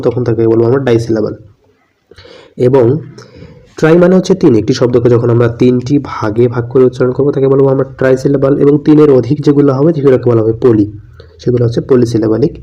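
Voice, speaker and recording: Man teaching grammar in a dark voice. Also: mid-range voice, dull audio. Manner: explains step by step, asks and answers his own questions; mixes English terms into his talk. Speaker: English teacher. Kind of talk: classroom grammar lesson.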